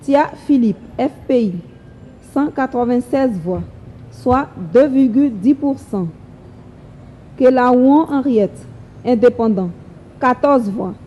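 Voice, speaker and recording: Woman, electoral official reading results aloud; unhurried, measured, high-ish mellow voice. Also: highs cut off, a little hiss or hum. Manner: slow, measured, reads each figure deliberately.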